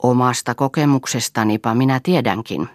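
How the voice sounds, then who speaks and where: A woman voicing a sharp-tongued village woman. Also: a bass voice, no room sound, clean studio sound. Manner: sharp, pointed.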